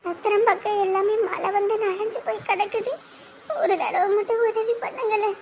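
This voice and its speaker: A woman voicing a nagging, sharp-tongued old mother-in-law in an animated drama, who scolds and later pleads. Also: very high-pitched, normal speed, slight background noise. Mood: pleading.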